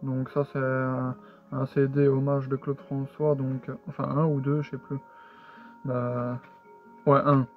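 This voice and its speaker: In a haul video, a man casually shows off his purchases, speaking hesitantly with lots of fillers and restarts. His mid-range voice is level and a little slow, and the tinny lo-fi recording has faint music behind it.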